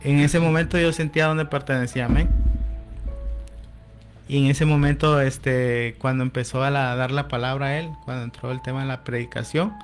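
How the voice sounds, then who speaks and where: A man's voice: medium pitch, steady tone, moderate pace, faint music behind. A man telling his personal testimony as a radio guest, often adding "amén" and quoting conversations. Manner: storytelling, with frequent "amén" and quoted dialogue.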